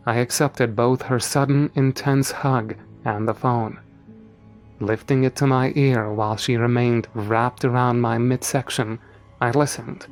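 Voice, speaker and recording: A man narrating a scripted first-person horror story in a dramatic manner. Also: mid-range voice. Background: faint music.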